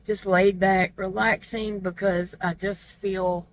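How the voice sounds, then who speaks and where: A woman with soft, toothless, gummy articulation, feeling unwell, chatting candidly and casually to her vlog viewers. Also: medium pitch, little pitch movement, slow, rough recording. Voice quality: toothless, gummy articulation from not wearing teeth. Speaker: vlog host. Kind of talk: casual personal vlog chat.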